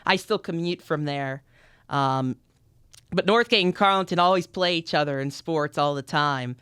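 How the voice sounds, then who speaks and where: Here a young man in his early adult years is a podcast guest in a university studio, keeping the interview chat casual, upbeat and outgoing despite frequent restarts. He speaks at a moderate pace in a slightly high, pushed, bright and clean voice without echo.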